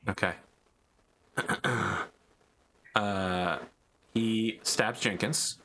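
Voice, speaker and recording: A man acts as game master, narrating a tabletop game in a casual way. His voice sits a little low, and faint noise runs behind it. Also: fairly even intonation, drawn-out words, bright, forceful tone.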